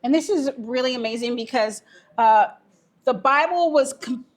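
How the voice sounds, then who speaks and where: Higher-voiced woman guiding a tour. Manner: halting, explanatory, often pausing mid-phrase. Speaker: museum guide. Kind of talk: informal guided tour explanation.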